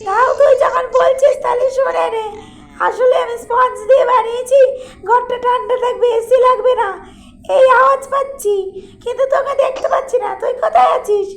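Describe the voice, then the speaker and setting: A woman voicing a cranky, threatening old granny with a cracked, broken voice, shouting and half-crying her lines in a comic horror game. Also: very high-pitched, steady tone, fairly quick, vocal fry, voice pushed up. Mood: whiny explaining.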